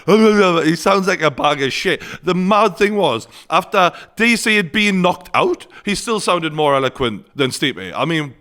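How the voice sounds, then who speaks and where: A man's voice: medium pitch, a bit bright. A man with a Newcastle Geordie accent gives a casual, blunt and opinionated fight recap to viewers, swearing freely. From northeast England. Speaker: sports commentator and online host.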